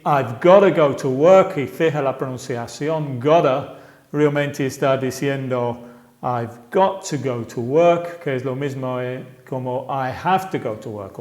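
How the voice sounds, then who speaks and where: Male language teacher, slightly high voice, slow and careful, repeats examples, echoey room. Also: darkish tone. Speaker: English teacher. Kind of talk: language lesson explaining grammar.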